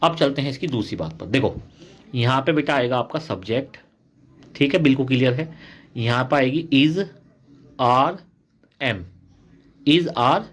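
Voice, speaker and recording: A man's voice: medium pitch, measured pace, long pauses. A young man with an Indian accent teaching an English grammar lesson, patiently explaining and repeating example sentences for his students.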